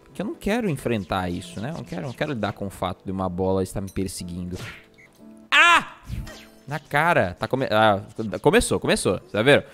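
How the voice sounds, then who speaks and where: A man's voice: fairly low pitch, big pitch swings, quick pace, gravelly, faint music behind. A young man with a Brazilian accent streaming a game live, shrieking and cursing when startled and laughing often. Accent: Brazilian Portuguese. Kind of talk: live gameplay commentary.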